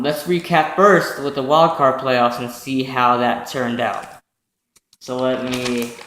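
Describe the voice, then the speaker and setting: A young man at home giving casual football commentary from his notes, halting often with ums and self-corrections. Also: medium pitch, a bit bright, reverberant, rough recording. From New York, raised in Pennsylvania. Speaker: football vlogger recapping playoffs.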